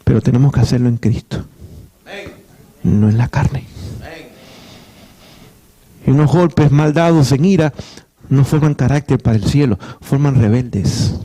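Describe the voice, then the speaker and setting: Mellow-voiced pastor preaching a sermon. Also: male voice, mid-range voice, normal speed, long pauses. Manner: earnest, repeats phrases, restarts words.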